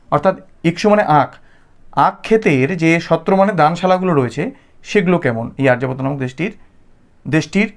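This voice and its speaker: বাংলা টানের এক পুরুষ শিক্ষক, ক্লাস-লেকচারের ঢঙে ধৈর্য ধরে বোঝাচ্ছেন, শব্দ ভেঙে ভেঙে ধীরে বারবার বলছেন।. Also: male voice, a little high. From Bengal, India. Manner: patient, repeats and breaks words apart slowly. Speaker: Sanskrit teacher. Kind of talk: explanatory class lecture.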